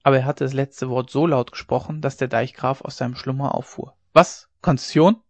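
A man narrating a classic novella in a measured, even storytelling manner. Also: mid-range voice, no echo. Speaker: audiobook narrator.

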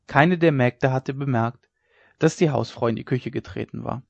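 A man narrates a classic story in a measured, dramatic manner, his voice at a middle pitch. The recording is dull and lo-fi, close and dry with no room echo. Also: creaky. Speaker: audiobook reader. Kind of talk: scripted narration of a classic novella.

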